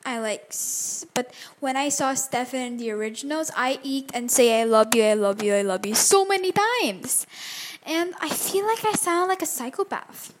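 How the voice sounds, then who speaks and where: A woman hosting an amateur podcast from a bathroom, ranting casually and dramatically as a rambling, exasperated fan. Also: high-pitched. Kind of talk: casual rambling solo rant. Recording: faint noise, recorded in bathroom.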